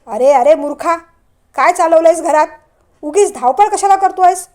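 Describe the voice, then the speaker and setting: Brief: woman reader doing a strict older father in a family storybook, scolding hard, high-pitched. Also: lively intonation, normal speed. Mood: angry scolding. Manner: shouting scolds. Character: stern older father, scolding loudly, then gentle.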